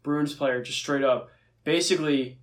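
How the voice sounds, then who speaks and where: A man's voice: on the high side, fairly even intonation, normal speed. A young man from the United States co-hosting a podcast in casual sports chat, talking in a chatty way with sarcastic, teasing asides. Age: young adult. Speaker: podcast co-host.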